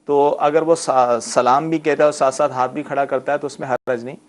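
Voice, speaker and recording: Patient, explanatory mufti with a medium-pitched male voice. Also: level tone. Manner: patient and explanatory, spells out the right pronunciation slowly. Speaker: mufti answering callers' religious questions. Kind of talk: religious call-in Q&A on TV.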